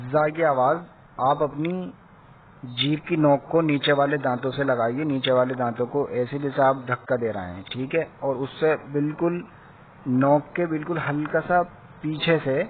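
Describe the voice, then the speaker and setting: A man teaching beginners to read Quranic letters, slow and patient, repeating each sound and checking that learners follow. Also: medium pitch. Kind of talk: slow step-by-step lesson. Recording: tinny phone-like audio with faint hiss.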